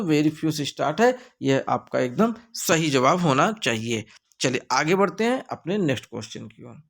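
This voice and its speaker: Here a man with a Hindi accent takes students through the options in an English grammar lesson, sprinkling in theatrical, playful asides. His pitch leans high.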